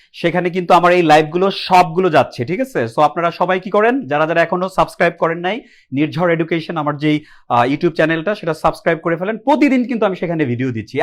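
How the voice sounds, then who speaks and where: A young man teaching an English grammar class live online, asking the students questions and answering them himself, with English words mixed into his speech. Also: on the high side.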